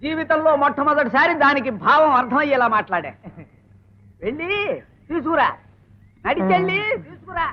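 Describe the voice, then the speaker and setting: A sarcastic, grumbling husband. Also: male voice, extremely high pitch, animated, fast talker, hardly any pauses. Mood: bossy. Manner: grumbling sarcastic asides, barked commands. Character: sarcastic henpecked husband and college lecturer. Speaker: comic film actor. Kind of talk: 1970s Telugu film comedy. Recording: dull lo-fi film soundtrack.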